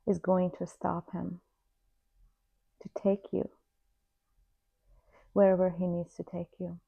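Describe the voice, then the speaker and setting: A woman in her forties from Iran, slowly and earnestly telling her life story to the camera. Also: fairly low pitch, flat delivery, gravelly, slightly rough. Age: 40s. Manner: slow, reflective, heartfelt. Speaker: vlogger. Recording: slightly dull lo-fi sound.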